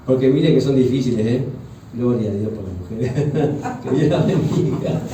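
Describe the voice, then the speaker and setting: A man's voice: medium pitch, expressive, slow pace, warm tone, slight background noise. A man with a Uruguayan accent preaching a sermon as pastor, joking and conversational, often asking the congregation questions. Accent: Uruguayan Spanish. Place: church hall. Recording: echoey church hall from far off.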